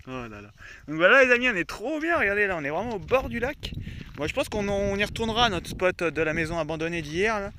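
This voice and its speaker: Chatty van-life vlogger man from France, high bright voice, outdoors with faint background noise. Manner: chatty, talks to his dogs and viewers. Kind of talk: casual vlog chat. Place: outdoors by a lake with his van.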